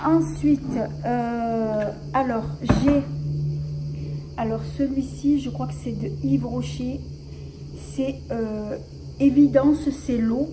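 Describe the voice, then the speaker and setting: A woman's voice: a little high, steady tone, slow pace, very noisy. A woman vlogger chatting casually about her collection, hesitant and full of fillers and restarts. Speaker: beauty vlogger. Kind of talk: casual show-and-tell vlog.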